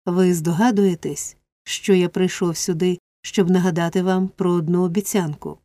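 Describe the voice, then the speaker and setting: An earnest young man in love pleads insistently, as a woman reads him. The voice sits low and mellow, with no room around it. It reads like a classic novel on audiobook. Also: steady tone, moderate pace, dry recording, lightly acted. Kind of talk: audiobook character reading.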